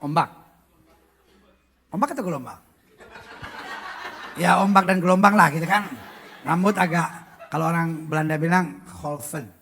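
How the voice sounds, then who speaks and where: A preacher giving a comic sermon, joking, shifting between loud outbursts and hushed asides. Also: mid-range voice, normal speed, long pauses, slight background noise.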